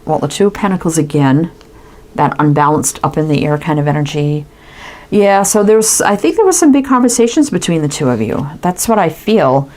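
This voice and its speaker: A woman's voice: sits low, expressive, normal speed, darkish tone. A woman giving a casual tarot reading, musing aloud and tagging her thoughts with "right?". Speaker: tarot reader.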